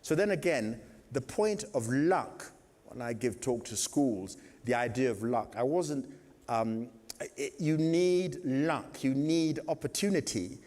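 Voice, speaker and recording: An older man from Kenya tells stories from his life to a festival audience, wry and digressive, full of vivid asides. His mid-pitched voice carries a long reverb from the theatre hall. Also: animated, takes it slowly, a little mellow. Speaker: guest speaker at a theatre festival. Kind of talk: anecdotal storytelling talk.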